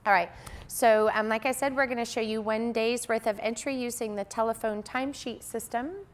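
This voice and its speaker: Training presenter, female, American accent, slightly high voice, informal explanatory delivery. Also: steady tone, moderate pace. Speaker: presenter of a provider training session.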